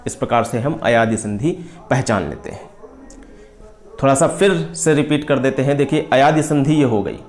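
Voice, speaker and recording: A man's voice: medium pitch, expressive, moderate pace. A man teaching a grammar lesson, repeating each point and asking questions that he answers himself, drawing out vowel sounds as he explains. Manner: repetitive, asks and answers his own questions, stretches out vowel sounds.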